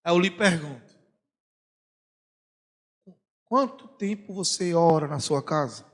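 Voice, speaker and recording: A man preaching a sermon as a pastor, animated, acting out prayers and talk in comic voices. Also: on the high side, normal speed. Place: church hall. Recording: long church hall reverb.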